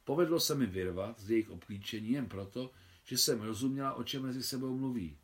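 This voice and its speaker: A man reading aloud and voicing a bold, cool-headed young Russian countess in an audiobook, in a lively, playful way. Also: medium pitch, lightly acted.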